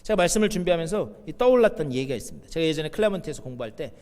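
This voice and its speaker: A man with a high voice preaches to his congregation, turning his sermon into a story and acting out the lines he quotes. His voice rings with the long reverb of a church hall. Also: animated, racing, darkish tone. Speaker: pastor. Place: church sanctuary.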